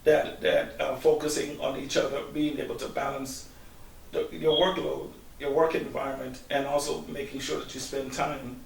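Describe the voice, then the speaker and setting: A man's voice: mid-range voice, level tone, normal speed, creaky. A middle-aged man from Guyana, a guest answering interview questions in a hesitant way, with many ums and restarts. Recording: echoey room, distant mic, faint hiss.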